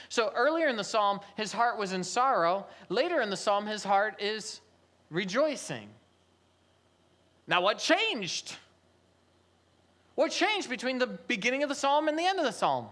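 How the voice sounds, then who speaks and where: A pastor delivering a sermon with a mid-pitched voice, pressing the point through repeated phrases and rhetorical questions. The delivery drops soft and low, then climbs into raised, emphatic bursts. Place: church service.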